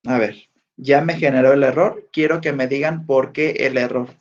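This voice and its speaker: A man's voice: medium pitch, steady tone. A male teacher giving a lesson and questioning his students. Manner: slow, deliberate, asks students questions. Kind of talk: online class lecture. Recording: dull lo-fi audio.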